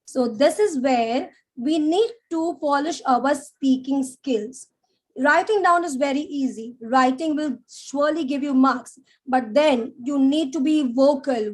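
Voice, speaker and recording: A woman teaching a live public speaking class, animated and demonstrative, often checking in with "yeah?". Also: high voice. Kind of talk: live online class lecture.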